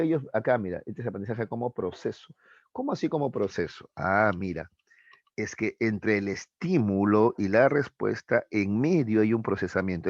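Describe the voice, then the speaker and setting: A man's voice: mid-range voice, a little mellow, no room sound. Male teacher, patient explainer, constant check-ins, dull dry recording. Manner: explains with examples, keeps checking with a tag question. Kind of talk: live online class lecture. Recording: dull, muffled dry sound.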